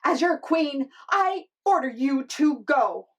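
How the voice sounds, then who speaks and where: A woman's voice: sits high, lively intonation, slow. A woman voicing a bossy, discontented fisherman's wife in a storybook tale, with a dramatic, exclaiming delivery. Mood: imperious. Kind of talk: storybook character acting.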